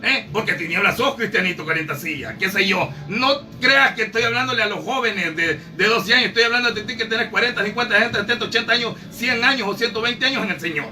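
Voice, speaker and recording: A man's voice: high voice, animated, quick pace, few pauses, sharp tone. A man preaching a fervent sermon with speech, scolding and rhetorical, full of fillers and repeated questions. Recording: distant mic with faint music.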